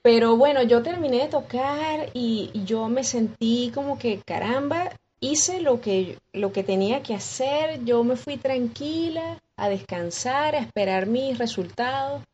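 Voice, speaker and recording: A Venezuelan woman with a Venezuelan accent, a guest musician recounting her story in an interview with lively acted-out dialogue and frequent restarts. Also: fairly high pitch, unhurried, hardly any pauses, muffled recording, a little hiss or hum. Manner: expressive, acts out quoted dialogue with many restarts.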